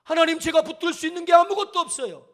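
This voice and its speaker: A man's voice: very high-pitched, quick pace, fairly bright tone, voice pushed up. A man preaching in Korean voicing a desperate outcast man praying to God, with urgent, rising pleas. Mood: pleading. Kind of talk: sermon re-enactment.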